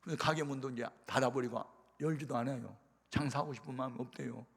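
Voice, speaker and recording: A Korean pastor telling a story in a sermon, acting out voices and dialogue with dramatic shifts. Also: male voice, mid-range voice, fairly even intonation, fast, vocal fry, husky. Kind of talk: sermon testimony. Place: church sanctuary. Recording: hall reverb.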